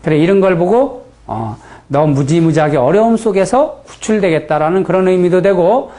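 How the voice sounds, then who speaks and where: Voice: medium pitch, animated, moderate pace, dark tone. A teacher from the Chungcheong region with a Chungcheong Korean accent, giving a classroom lecture on fortune-telling in a blunt, folksy way and checking in often with rhetorical questions.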